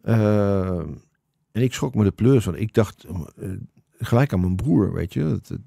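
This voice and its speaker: A man hosts a podcast in relaxed conversation. His low voice has a gravelly fry and a mellow tone, and he tells his story haltingly, searching for words. The recording is close and dry. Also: dry recording. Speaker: podcast host. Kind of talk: casual chat.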